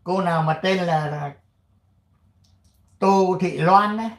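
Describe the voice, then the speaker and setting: An older man from Vietnam hosting his channel, chatting casually and reading an article aloud, rambling with many fillers and frequent throat clearing. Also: high voice, slow pace, roomy sound. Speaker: channel host.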